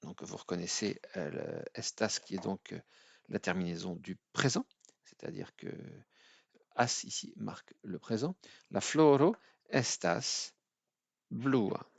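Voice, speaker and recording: Gravelly low-voiced French man teaching. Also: animated, dry recording. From France. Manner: hesitant, many pauses and fillers; slow, careful spelling-out of example words. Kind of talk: explaining at a whiteboard.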